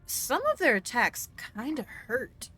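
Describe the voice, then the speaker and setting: A woman's voice: on the high side, sing-song, measured pace, bright, forceful tone, faint music behind. A woman casually commenting while she plays a game, explaining the mechanics and breaking into playful outbursts. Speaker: gaming streamer. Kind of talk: casual let's-play commentary.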